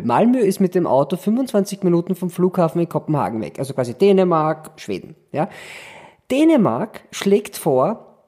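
A man's voice: a little high, a little mellow. A man hosting a casual podcast chat, joking and laughing often. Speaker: podcast host.

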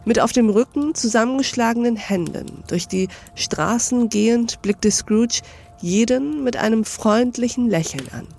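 A woman reading a classic story aloud in scripted narration, with a measured storytelling delivery. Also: medium pitch, a little mellow. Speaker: reader.

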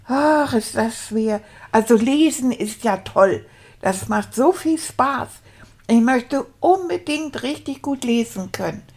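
Eager childlike male storybook reader, played by a woman, slow and halting, stumbling over long words. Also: a little high, husky, full character voice. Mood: chatty. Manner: stumbling, sounding out hard words syllable by syllable. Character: eager childlike male character learning to read. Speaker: storyteller reading aloud. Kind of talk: children's show reading.

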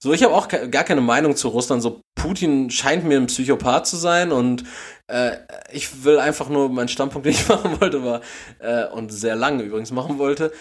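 A man's voice: medium pitch, normal speed, breathy edge. A German man co-hosting a podcast, rambling through casual chat with many fillers and restarts. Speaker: podcast co-host.

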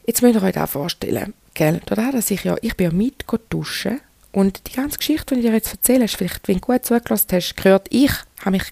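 A woman in her thirties with a Swiss German accent hosts a frank, chatty solo podcast, speaking straight to her listeners. Her medium-pitched voice is fast, gravelly and warm, recorded with no room sound.

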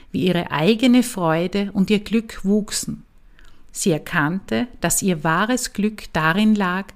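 A woman reading scripted stories and guided meditations in a soothing, measured, gentle way. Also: medium pitch. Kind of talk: scripted fairy tale and guided meditation narration. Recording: music behind the voice. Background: music.

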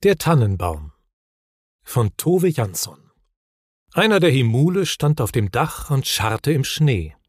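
A man working as a care home receptionist, reading a story aloud in a friendly, expressive way. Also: medium pitch, takes it slowly, slightly rough, dry recording.

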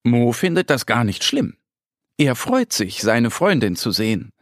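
A man narrating a children's bedtime story, gentle and calm. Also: mid-range voice, measured pace, no room sound, clean studio sound.

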